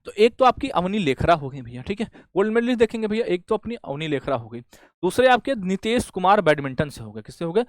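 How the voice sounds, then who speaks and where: A male exam-prep teacher giving a classroom-style lecture, firing quick questions at students and answering them himself, with frequent friendly fillers. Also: high voice, very animated, no room sound. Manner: asks quick questions and answers them himself, says "bhaiya" and "theek hai" often.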